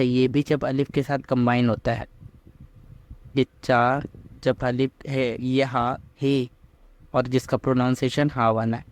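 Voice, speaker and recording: Male tutor, measured and even, clear tone, quizzes himself as he teaches. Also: mid-range voice. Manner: patient, asks and answers himself. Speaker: language teacher. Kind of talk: slow step-by-step script lesson.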